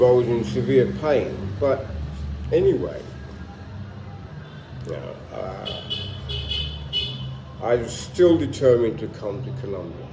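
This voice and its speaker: A man in his sixties from London, with a London English accent, talks casually to camera in a vlog from a warm room in his home in Colombia. His voice sits on the low side, reverberant against a noisy background, and he rambles in a relaxed way with many stops and restarts.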